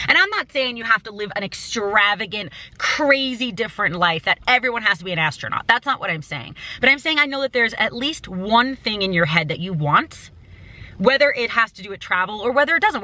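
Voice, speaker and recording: A young woman in her twenties speaks straight to a small camera held close, inside a parked car. Her voice is bright and clear at an ordinary pitch. She talks in an animated, encouraging way. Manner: animated, gestures a lot, mimics doubting voices. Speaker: travel vlogger. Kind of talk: motivational talk to camera. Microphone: small camera's built-in mic at arm's length.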